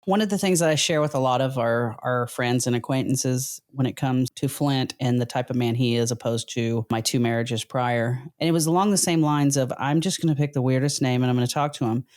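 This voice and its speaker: A woman's voice: rumbling low, a little fast, few pauses, a little mellow. A middle-aged woman co-hosting a casual talk show with her husband, telling stories in a rambling, candid way. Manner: rambling, candid, country-flavored storytelling. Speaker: podcast co-host.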